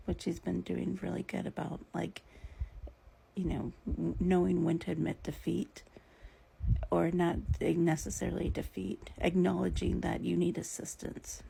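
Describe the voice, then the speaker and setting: A woman talks casually to her camera about caring for her father. Her voice is deeply gravelly and very husky, and she often sinks to a whisper and laughs partway through her sentences. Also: mellow, low-quality recording. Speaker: family caregiver for her father. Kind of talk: casual vlog storytelling.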